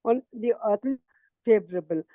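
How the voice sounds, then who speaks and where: A woman asking a halting question in an online class, her voice breaking up over the call connection. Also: fairly high pitch, mellow, no room sound, lo-fi sound. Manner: halting, full of fillers and restarts.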